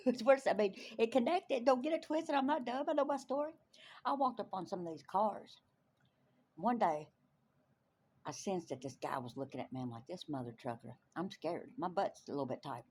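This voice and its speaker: A woman tells her faith testimony in an animated way, laughing often and repeating lines for emphasis. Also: low-pitched, husky. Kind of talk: testimony storytelling.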